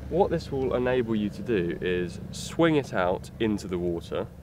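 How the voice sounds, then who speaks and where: A young Englishman explains fishing by a lake, his voice sitting low and relaxed. He talks while handling his gear, with the odd "uh". Faint outdoor noise sits behind him. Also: moderate pace. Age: young adult. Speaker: fishing instructor. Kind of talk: outdoor tutorial demonstration. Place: lakeside outdoors.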